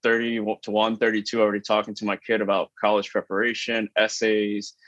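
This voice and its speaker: A man's voice: on the low side, a little fast, dry recording. Man on muffled lo-fi earbud call audio. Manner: chatty, relaxed, many "you know" fillers. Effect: muffled lo-fi call audio through earbuds. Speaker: podcast guest, business owner. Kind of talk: casual conversation. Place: his taproom. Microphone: wireless earbuds on a video call. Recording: dull lo-fi remote call line.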